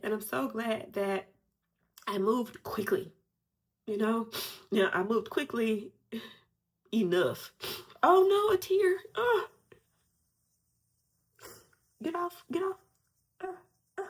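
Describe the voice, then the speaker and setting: Her voice medium in pitch with a breathy edge, a woman in her forties applies makeup and talks frankly to her audience while struggling not to cry. She's a beauty vlogger, and this is a tearful get-ready-with-me chat.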